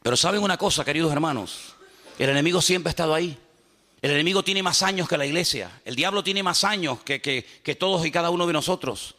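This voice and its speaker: A man preaching a lively sermon as pastor, animated and humorous, using repetition, rhetorical questions and acted-out dialogues. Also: fairly high pitch, quick pace.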